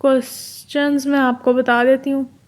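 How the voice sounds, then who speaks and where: A woman tutor with a Pakistani Urdu accent giving a casual exam-prep lecture, explaining step by step and reading English terms out slowly. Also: sits high, little pitch movement.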